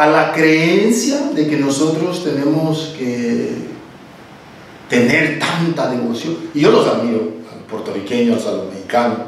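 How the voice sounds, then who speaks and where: A man leads a church Bible study, explaining in an animated, self-correcting way. His voice sits at an ordinary pitch and is picked up from a distance in a very echoey room. Faint background noise hangs under the talk.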